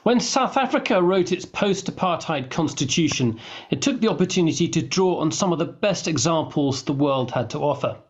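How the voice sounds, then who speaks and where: A man's voice: on the high side, highs cut off. A man hosting an interview, opening with a scripted intro and then asking questions with frequent restarts. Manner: halting, restarts often when asking questions. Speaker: interview host.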